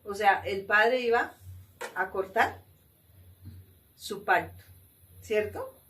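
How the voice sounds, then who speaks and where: A woman's voice: mid-range voice, animated, slow pace, a bit bright. Woman teaching scripture from a distance. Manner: reads scripture then explains, asks the group questions. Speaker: Bible teacher. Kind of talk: Bible study teaching. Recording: distant mic with faint room noise.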